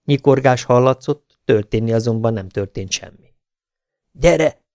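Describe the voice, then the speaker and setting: Man narrating an audiobook, low and dry. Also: a little mellow, no room sound.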